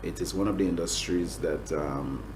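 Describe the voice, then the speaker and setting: A Grenadian man speaks as a government agriculture official in an interview. His voice sits very low, and he often stops, restarts and fills gaps with "um". A faint hum runs underneath. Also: normal speed. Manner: hesitant, many restarts and fillers. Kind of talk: interview answers.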